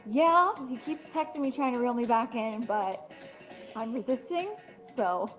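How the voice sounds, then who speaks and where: A woman's voice: a little high, lively intonation, unhurried, a bit bright, soft background music, low-quality recording. A woman in her twenties, a guest on a panel show, chatting casually and acting out what people said while telling a story. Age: 20s. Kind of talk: casual chat.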